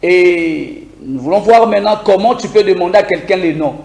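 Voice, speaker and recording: A man teaching a beginners' English lesson on air, lively and repetitive, asking listeners to repeat phrases after him. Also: sits high, normal speed, gravelly, reverberant. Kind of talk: live broadcast English lesson.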